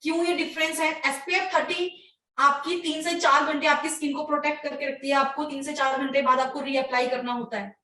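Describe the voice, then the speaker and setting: A woman explains a skin care routine in a loose, casual way, often stopping to restart her sentences. Her voice sits high. She sounds set back from the mic in an echoey room. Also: little pitch movement, brisk, pushed and bright, recorded from a distance, a little hiss or hum. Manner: informal, many fillers and restarts. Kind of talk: casual spoken tutorial.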